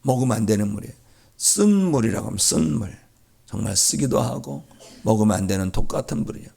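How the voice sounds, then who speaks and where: Gravelly, fervent male pastor preaching. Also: fast talker, dark tone. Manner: fervent and emphatic; rises high when acting out prayers. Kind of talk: dawn prayer service sermon. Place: church sanctuary.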